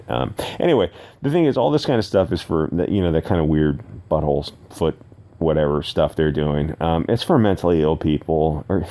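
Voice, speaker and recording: A man's voice: a bass voice, gravelly, dark tone. A man hosting his own channel, talking in a rambling, sarcastic commentary with frequent hesitations. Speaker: channel host. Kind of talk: casual solo commentary.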